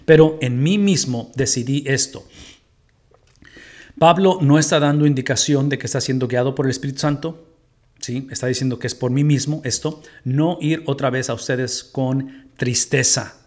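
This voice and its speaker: Teaching Bible study from a home room, this middle-aged Mexican man speaks with a Mexican Spanish accent, gestures animatedly, and throws rhetorical questions at his audience. His voice is mid-range and his pace moderate.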